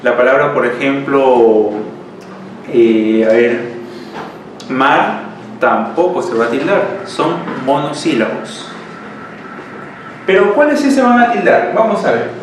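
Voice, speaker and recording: A man's voice: mid-range voice, animated, slow pace, pauses often. A male language teacher giving a lesson, explaining rules step by step and checking in with his students. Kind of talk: classroom lesson at a board. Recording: echoey room, mic far off, faint hiss.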